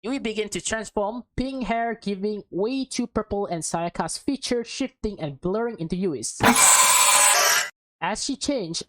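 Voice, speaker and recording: With background music and some background noise, a woman with a mid-range voice, recorded close to the mic, reads through a visual novel for a let's play. She's casual about it, tripping over words now and then and remarking on the plot.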